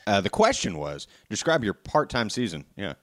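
Low-voiced playful podcast co-host. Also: male voice, very animated, no room sound, clean studio sound. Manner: upbeat, playful, quick asides. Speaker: podcast co-host reading fan questions. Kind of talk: casual podcast chat.

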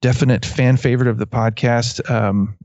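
A man's voice: mid-range voice, fairly even intonation, moderate pace, a little mellow, no echo, muffled recording. A man with a West Texas twang chatting casually about sports as a podcast co-host. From West Texas, USA.

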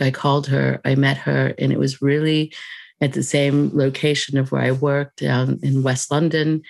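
An interview guest telling a personal story in a casual, reflective way, with many fillers and soft laughs. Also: mid-range voice, creaky.

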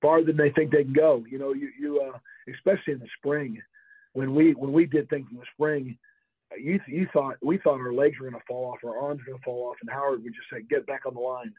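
A man's voice: mid-range voice, steady tone, brisk, breathy edge, no echo. Older man on a tinny phone line. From Florida. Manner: rambling anecdotes with restarts, emphatic, laughs often. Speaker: former college football player, guest. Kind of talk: interview storytelling.

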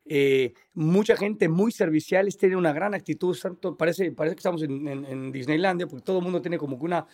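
A Mexican man co-hosting a casual podcast chat, talking in a fast, tumbling stream. His voice sits a little high. He rambles, drops slang and laughs along the way. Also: a little mellow. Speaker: podcast co-host.

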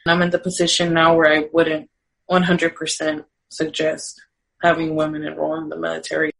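A woman speaks reflectively and sincerely in an interview. Her voice is creaky, with a narrow, flat pitch. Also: moderate pace.

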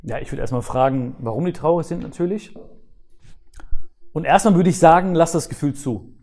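A man's voice: fairly high pitch, fairly quick, gravelly. A man, a guest on a podcast, talking casually and giving life advice, acting out people's thoughts in little quotes and tagging "ne?" onto his phrases. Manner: animated, acts out other people's thoughts in quotes; ends phrases with "ne?".

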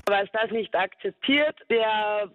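A man's voice: high voice, measured pace, a little hiss or hum. A man calling in to a radio show, emphatic and encouraging. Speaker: caller. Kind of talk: radio call-in statement. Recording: tinny phone line.

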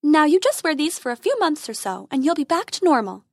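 A cheerful tooth fairy speaks in a high, brisk, bossy chirp, as a woman puts her on. Her voice leaps up and down with energy. The sound is close and dry. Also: very animated, no echo.

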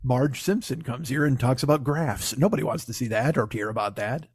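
A man hosting a podcast with a hoarse, gravelly voice as if gargling broken glass, ranting casually and comically with swearing and self-mockery. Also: medium pitch, brisk, dry recording, clean studio sound. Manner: ranting, foul-mouthed, self-deprecating. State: hoarse after losing voice. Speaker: podcast host. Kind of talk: casual comedic monologue.

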